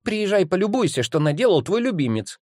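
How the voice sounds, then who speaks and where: A man voicing an exasperated, strict mother who scolds loudly in an audiobook reading. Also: a bass voice, sing-song, normal speed, husky, no room sound, clean studio sound, pitched above the performer's own voice, heavily acted. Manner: scolding, shouting complaints. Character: exasperated mother, gym teacher, strict and loud.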